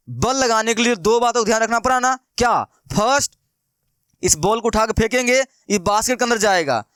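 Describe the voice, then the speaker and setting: A man's voice: extremely high pitch, fairly bright tone, smooth, no room sound, studio quality. A young man teaching math in a casual classroom style, chatty and playful, who keeps asking questions and answering them himself. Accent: Bihari Hindi. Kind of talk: casual classroom lesson explaining with everyday examples.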